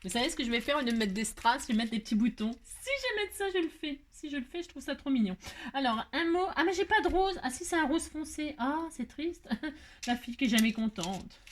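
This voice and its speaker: A woman's voice: high voice, animated, a little fast, a little hiss or hum. A woman hosting a casual card-making tutorial, thinking aloud and chatting to herself as she works, with affectionate goodbyes to her viewers. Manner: warm, affectionate sign-off to viewers. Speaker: card-making crafter and channel host. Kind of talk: casual crafting tutorial chat.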